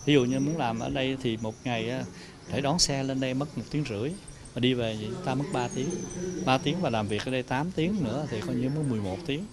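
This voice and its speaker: Middle-aged official outdoors. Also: male voice, mid-range voice, a crowd in the background. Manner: plain-spoken, halting explanations with fillers. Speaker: agricultural zone official. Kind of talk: news interview. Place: outdoors in a park. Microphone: handheld reporter mic. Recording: outdoor insects and birds behind.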